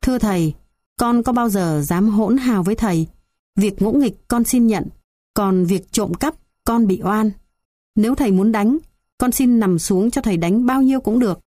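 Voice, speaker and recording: A woman's voice: medium pitch, normal speed, warm tone, no room sound, clean studio sound, natural voice. A woman voicing a strong, rebellious young village man who pleads and cries out in a storybook tale. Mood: pleading. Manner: pleading, then screaming in terror.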